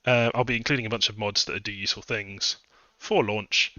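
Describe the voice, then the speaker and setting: A man's voice: on the low side, fairly even intonation, fairly quick, pushed and bright, no echo, lo-fi sound. A man chatting casually on a live stream, rambling through his points with fillers, a little out of breath. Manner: rambling, conversational, many fillers and restarts. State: a bit out of breath. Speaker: streamer and game modder.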